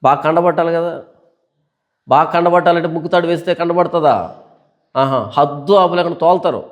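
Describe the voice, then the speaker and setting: A man pastor giving a Bible study sermon, reading scripture verses slowly and formally, then explaining them with rhetorical questions and repeated lists. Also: on the high side, fairly even intonation. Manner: preaching with rhetorical questions and repetition; reads scripture verses in a slow formal cadence.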